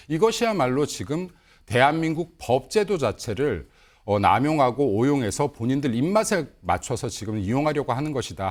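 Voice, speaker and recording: A male party spokesman argues on a studio panel and backs his points with statistics. His pitch swings very widely, sitting a bit high for a man. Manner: emphatic, cites statistics. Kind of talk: political debate on TV.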